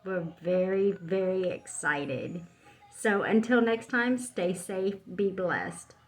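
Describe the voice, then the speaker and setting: A woman's voice: medium pitch, slow, soft background music. A woman, chatting homey and direct to her viewers in a casual vlog. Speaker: homestead vlogger. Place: outdoors by a chicken coop.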